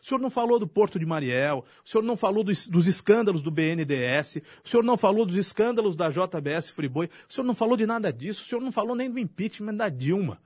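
A man's voice: high-pitched, animated, quick pace, few pauses, husky, no room sound, studio quality. A man with a Brazilian Portuguese accent, a journalist and commentator accusing his opponent in a heated on-air debate, repeating his charges. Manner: combative, accusatory, repetitive.

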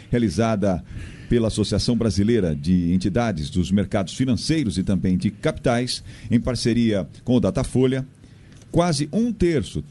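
A man from Brazil reading a radio news bulletin in a steady voice, with the odd filler. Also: mid-range voice, slight background noise.

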